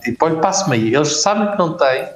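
A man's voice: on the high side, lively intonation, fast. A man with a European Portuguese accent chatting casually in informal, colloquial speech. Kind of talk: casual chat. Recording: roomy echo.

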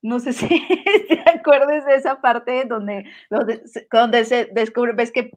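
Mexican woman chatting on a podcast, kinda high voice, lively, laughs a lot. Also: unhurried. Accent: Mexican Spanish. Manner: animated, laughing, mimics voices. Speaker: podcast co-host. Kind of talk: casual chat.

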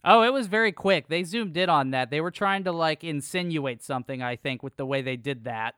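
A man's voice: on the high side, fairly quick, fairly bright tone, clear, resonant tone, dry recording, clean studio sound. A man co-hosting a podcast, recapping an episode from a script with jokey asides. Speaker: podcast co-host. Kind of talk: casual recap chat.

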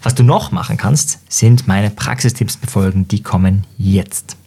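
A man's voice: fairly low pitch, vocal fry, slight background noise. A man hosting a podcast, explaining communication ideas to the listener with examples and joking asides. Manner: lively, uses quick asides and tongue-in-cheek jokes. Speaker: podcast host and coach.

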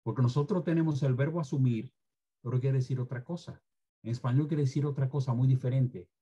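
A man who talks like a strict former teacher, emphatic and lecturing. His voice is dark and a bit husky. The recording sounds slightly dull and lo-fi. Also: medium pitch, steady tone, a little fast. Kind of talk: interview, opinionated commentary on language.

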